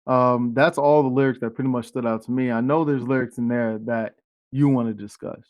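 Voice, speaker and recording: A man hosting a casual music interview, relaxed and agreeable, often saying "pretty much". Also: medium pitch, fairly quick, no echo. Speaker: podcast interviewer.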